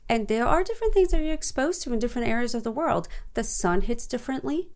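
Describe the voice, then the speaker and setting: A woman's voice: a little high, lively intonation, quick pace, darkish tone. A woman from Brazil co-hosting a skincare podcast, talking in a thoughtful, explanatory way. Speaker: skincare clinician podcast co-host. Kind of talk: casual podcast chat.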